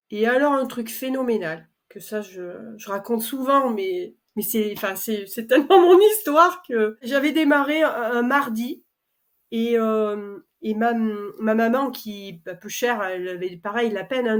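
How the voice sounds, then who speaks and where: A middle-aged French woman telling her own story in a chatty, animated way, acting out conversations with many fillers. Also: mid-range voice. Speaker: customer testimonial speaker. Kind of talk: personal testimony, casual storytelling.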